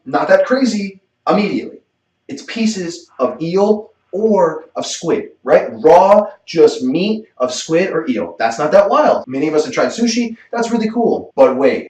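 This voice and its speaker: A man hosting a casual food countdown vlog, energetic and jokey, swearing freely. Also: a little high. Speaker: cooking channel host. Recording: roomy echo, distant mic.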